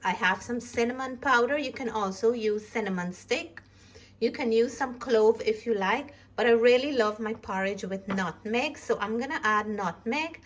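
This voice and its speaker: A woman's voice: a little high, a bit bright. Chatty woman in a home kitchen. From Guyana. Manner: chatty and homely, explains step by step. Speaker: cooking vlogger. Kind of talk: casual vlog narration. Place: outdoors in snow, then a home kitchen.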